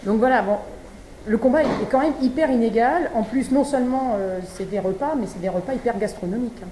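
A woman's voice: a little high, fast talker. Chatty French woman in echoey room. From Brittany, France. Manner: chatty, many fillers and restarts. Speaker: speaker at a vegan event. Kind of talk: conference talk. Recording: echoey room, faint background noise.

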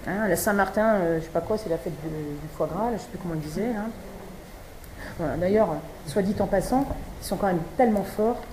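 With a warm, mid-range voice, a woman from Brittany chats through her talk at a vegan event, restarting often and filling gaps with fillers. The room echoes, with faint noise in the background.

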